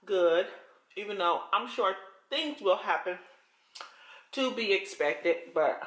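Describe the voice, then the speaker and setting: Young American woman, mukbang host, unhurried and chewing between phrases, in a roomy kitchen with cutlery clinks. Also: lowish voice. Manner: chewing and eating while talking, in broken phrases. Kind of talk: casual eating-show chat. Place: home kitchen, indoors. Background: cutlery and dish clinks.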